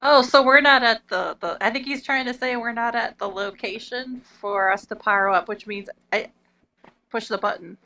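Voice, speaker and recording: A woman's voice: fairly high pitch, bright, forceful tone. A woman playing a tabletop game on a voice call, joking playfully with the group. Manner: playful, slow and giggly. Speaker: player. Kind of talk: casual tabletop role-play.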